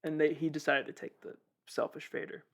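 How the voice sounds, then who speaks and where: A man's voice: a little high, flat delivery, fairly quick, vocal fry. A young man co-hosting a podcast, laid-back in casual sports chat, laughing often and citing stats. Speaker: podcast co-host.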